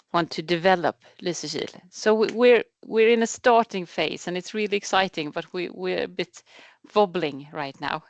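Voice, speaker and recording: A woman's voice: fairly low pitch, dry recording. A woman giving a project update in an online meeting, hesitant with many fillers. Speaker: project partner. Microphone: video call.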